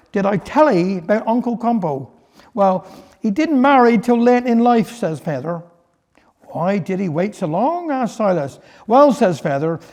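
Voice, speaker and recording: A man's voice: high voice, darkish tone. A man with a Cornish West Country accent telling a folksy dialect story, slipping into dialogue as he narrates. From Cornwall, England.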